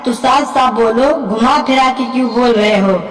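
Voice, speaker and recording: A woman's voice: on the high side, normal speed, close to an everyday voice. A woman voicing a prim, easily offended middle-aged neighbor aunty who scolds a cheeky young man in a comic cartoon. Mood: indignant. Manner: indignant, scolding. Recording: roomy, distant, with reverb over loud music.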